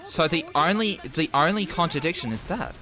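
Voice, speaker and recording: A man's voice: on the high side, animated, normal speed, pushed and bright, soft background music. A man streaming a game, thinking aloud casually through clues.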